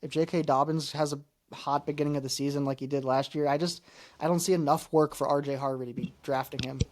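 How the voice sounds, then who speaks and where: A man co-hosting a podcast, chatting casually about fantasy football and running through stats with fillers and pauses. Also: on the high side, fairly even intonation, a little mellow. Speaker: podcast co-host.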